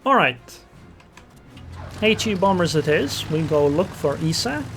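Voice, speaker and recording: Over music, a man with a fairly high voice and big pitch swings talks a little slowly while casually commentating on a naval battle game. Estonian is his first language; as a gameplay commentator he thinks aloud, muttering plans and reactions, with game engine and gunfire sounds beneath him.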